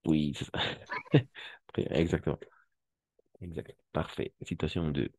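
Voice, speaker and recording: Male French teacher, very deep, unhurried, patient corrections, dry close sound. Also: steady tone, dark tone, slightly rough, no room sound. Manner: patient, repeats and corrects pronunciation, mixes in Spanish explanations. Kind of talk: language class instruction.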